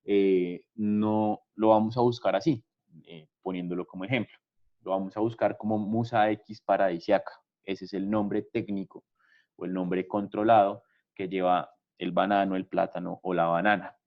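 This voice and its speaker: Male trainer, low voice, patient step-by-step explainer, dull lo-fi webinar audio. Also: steady tone, moderate pace. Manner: explanatory, repeats "¿listo?" and "entonces" often.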